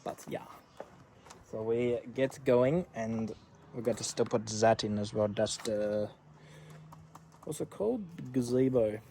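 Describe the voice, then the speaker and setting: A man's voice: mid-range voice, takes it slowly, gravelly, long pauses, dark tone. A man chatting casually to camera in a laid-back, slangy, sweary way, vlogging about his day. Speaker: vlogger, amateur motocross racer. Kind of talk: casual vlog chat, talking to camera. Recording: noisy outdoor vlog, engine and vehicle sounds.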